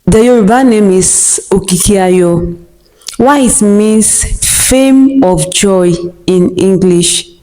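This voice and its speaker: Slow, mellow Nigerian woman. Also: mid-range voice, rough recording. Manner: slow and deliberate, reads each question aloud before answering with short laughs. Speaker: content creator answering viewer questions. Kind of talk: scripted question-and-answer monologue.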